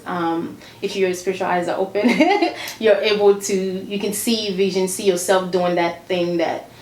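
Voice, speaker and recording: An earnest woman from Congo DR, raised in Zambia, speaks as a gospel singer in a casual interview, with a slightly low voice. She repeats herself and laughs often. The room is echoey, with a faint noise underneath. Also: darkish tone.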